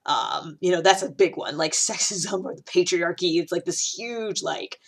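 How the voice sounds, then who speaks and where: This lowish, husky voice at a moderate pace belongs to a woman in her thirties from Ohio hosting a podcast. Her casual personal monologue wanders, with many fillers, restarts, and heavy use of "like."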